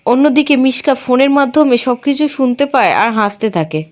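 Woman, serial recap narrator, scripted storytelling delivery, somewhat high voice. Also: expressive, moderate pace.

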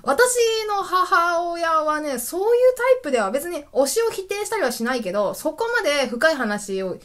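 A woman's voice: sits high, very animated, normal speed, fairly bright tone. A woman hosting her own web radio show alone, talking in a casual, enthusiastic way and laughing often, with a stuffy nose. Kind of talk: solo casual radio talk.

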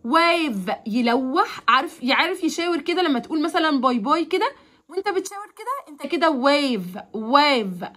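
A woman with an Egyptian Arabic accent teaching a vocabulary lesson to children. She stretches English words out slowly, repeats them for pupils to follow, then explains quickly. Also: high voice, expressive, fairly bright tone. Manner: slow, drawn-out English words, fast chatty explanations.

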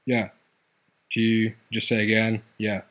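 A man's voice: lowish voice, completely flat delivery, slow, a bit bright. A man hosting a screen-recorded coding tutorial, explaining his app in a loose, hesitant way with many fillers and restarts.

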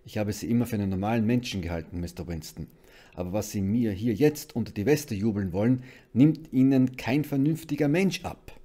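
A man reading aloud voices a gruff village constable who speaks with doubt and scolding disbelief. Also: fairly low pitch, fairly quick, dark tone, close to an everyday voice. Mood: skeptical. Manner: skeptical, scolding.

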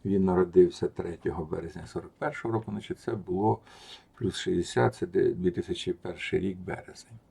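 A man with a low, gravelly voice tells a personal story in casual spoken style. His tone carries a husky edge, and he grows animated and scornful as the tale builds, pushing louder at the punchlines. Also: a little fast. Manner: animated and mocking, rising loud at the punchlines. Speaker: storyteller recounting a personal anecdote.

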